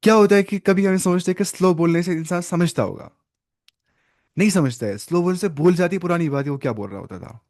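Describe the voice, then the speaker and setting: A man teaching an online Arabic lesson, talking fast and putting questions to his learners. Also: high voice, darkish tone, dry recording, clean studio sound. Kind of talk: online language lesson in Hindi-Urdu.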